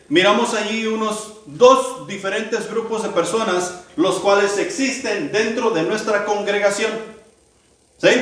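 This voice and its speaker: A man preaching a sermon to his congregation, asking rhetorical questions and acting out the cries of the people in the story. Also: high voice. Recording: echoey hall, voice from far off the mic.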